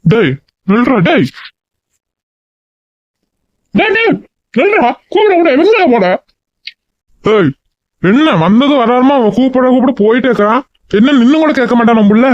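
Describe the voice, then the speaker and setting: Gruff grumbling dad, woman putting on a deep voice, dull dry lo-fi sound. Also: sing-song, measured pace, pauses often, a little mellow, dry recording. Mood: scolding. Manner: grumbling, scolding. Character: middle-aged father, gruff and puzzled.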